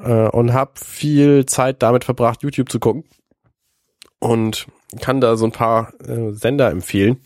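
A man's voice: mid-range voice, fairly even intonation, measured pace, darkish tone, dry recording, clean studio sound. A man in his thirties with a congested, stuffy-nosed voice, chatting casually as a podcast co-host and sometimes searching for words. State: stuffy nose from being ill, sounds congested. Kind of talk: casual chat about video games.

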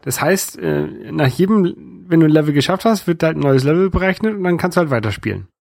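Higher-voiced man in casual, halting chat. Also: very animated, vocal fry, a little mellow, no echo, studio quality. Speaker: podcast co-host. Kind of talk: casual chat about video games.

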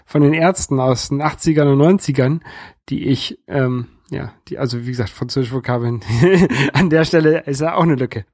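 A man in his thirties chatting casually as a podcast co-host, explaining things haltingly with pauses. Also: medium pitch, darkish tone, no room sound, studio quality. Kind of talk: casual chat about video games.

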